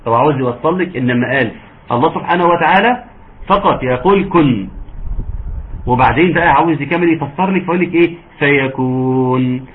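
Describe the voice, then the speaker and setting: A man with an Egyptian accent teaching a tajweed lesson, patient and encouraging, sometimes slowing into drawn-out recitation. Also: fairly high pitch, expressive. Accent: Egyptian Arabic. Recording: narrow phone-like audio, faint hiss.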